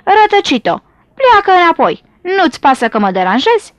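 A woman's voice: sits high, sing-song, no echo, dull audio, voice pushed up. A woman voicing a grumpy, greedy male snake in a storybook, scolding and irritable. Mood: angry.

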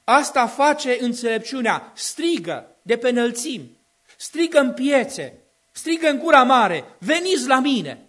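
High-pitched guy preaching a sermon, repeats lines, gets loud and emphatic. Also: sing-song. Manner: emphatic, repetitive preaching cadence with loud declaiming stretches. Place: church hall with a congregation of a few dozen.

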